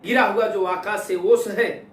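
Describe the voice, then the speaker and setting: A male teacher walks a class through a poem, slowly restating each line with a string of synonyms. His voice sits high, and he stresses the quoted verses dramatically. The recording sounds echoey and a little distant. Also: fairly even intonation, fairly bright tone. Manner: repeats phrases with many synonyms, dramatic emphasis on quoted verses. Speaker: Hindi literature teacher. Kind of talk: explaining a poem in a class lesson.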